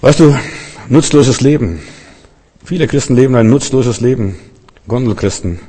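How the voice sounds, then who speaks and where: A man preaches with insistent, repetitive emphasis and speaks straight to his listeners. His mid-pitched voice rings out in a church hall with a long, lingering reverb. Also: animated, normal speed, warm tone, husky. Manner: emphatic preaching, repeated "weißt du", addresses listeners directly. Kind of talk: sermon.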